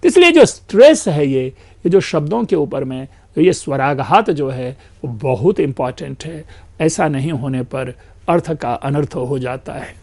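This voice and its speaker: Man teaching a language class, highish voice, slow careful explaining, drags out vowels to show them. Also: expressive, a little mellow. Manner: explains slowly, drawing out sounds and mixing in English; addresses listeners as friends. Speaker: lecturer. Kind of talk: academic lecture.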